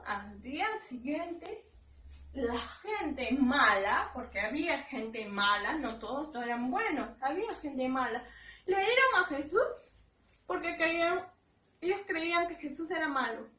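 High-voiced woman teacher telling a story. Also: far from the mic. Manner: slow, expressive, repeats points simply. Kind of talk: storytelling for young children. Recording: roomy echo, voice from afar.

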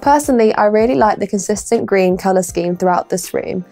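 Woman presenting a house tour, slightly creaky voice. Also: mid-range voice, brisk, over music. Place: indoor rooms of a furnished house. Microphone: lapel mic.

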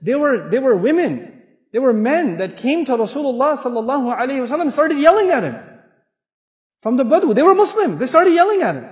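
A middle-aged man from Pakistan giving an animated, humorous Islamic talk to an audience in a large mosque hall, acting out voices as he tells stories. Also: extremely high pitch, fairly quick. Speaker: Islamic lecturer. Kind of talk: sermon-style talk with storytelling. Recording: echoey hall with long reverb.

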